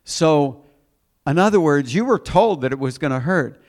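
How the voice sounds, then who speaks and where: Smooth-voiced preacher man. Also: fairly high pitch, lively intonation, normal speed. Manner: reads scripture aloud with rising emphasis, asks the congregation questions. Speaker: pastor. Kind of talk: sermon.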